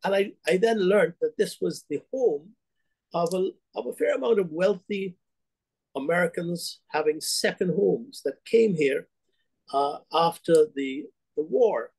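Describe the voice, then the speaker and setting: A high, gravelly, somewhat dark voice belongs to an older Guyanese bank chief who tells his story at an unhurried, animated pace in a remote interview from home. Heard through a webcam on a video call, the audio is dry, slightly rough, and poor, and he often restarts and uses fillers.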